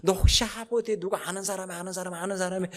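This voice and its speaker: A man doing a frantic, high-pitched father. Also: steady tone, rapid-fire, lightly acted. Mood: pleading. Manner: pleading, agitated. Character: frantic middle-aged father begging for connections.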